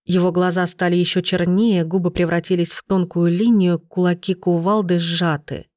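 A woman narrating a dramatic story in steady, scripted storytelling. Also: lowish voice, normal speed, no echo, clean studio sound. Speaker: audiobook narrator.

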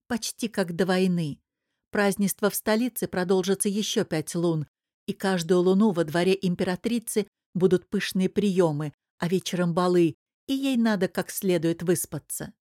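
A woman reads a novel aloud in an even, measured way, her voice set fairly low. The sound is close and dry, with no room echo. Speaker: audiobook narrator. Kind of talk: scripted narration.

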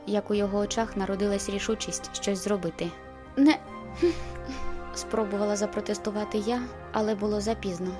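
Woman narrating an audiobook. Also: medium pitch. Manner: expressive reading, voices the heroine's outbursts. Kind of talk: scripted first-person narration.

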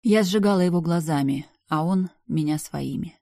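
Woman reading a first-person audiobook, lively and emotional, dry close mic. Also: sits low, normal speed, no room sound. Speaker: audiobook narrator.

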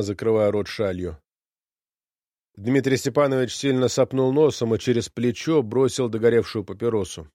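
Male narrator, mid pitch, measured and solemn, dry booth sound. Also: a little mellow, dry recording. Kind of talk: scripted audiobook narration.

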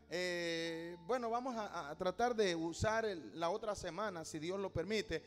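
High-voiced preacher in a reverberant hall. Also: male voice. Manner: storytelling, rising to loud exhortation. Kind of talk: sermon.

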